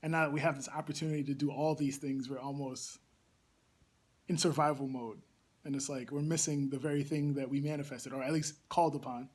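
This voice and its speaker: In a relaxed interview, a young Barbadian campus ministry coordinator gives reflective answers full of pauses and ums. He has a mid-range, slightly rough voice with a steady tone.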